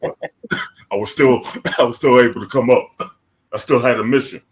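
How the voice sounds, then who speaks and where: A man's voice: mid-range voice, normal speed. A man in casual conversation with a strong New York accent, the kind that sounds straight out of Brooklyn. He talks informally, as if among people he knows. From Long Island, New York, USA. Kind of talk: casual chat.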